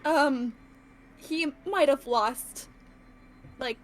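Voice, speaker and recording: A woman's voice: high voice, extremely slow, slight background noise. A woman player in a casual tabletop game, improvising in and out of character.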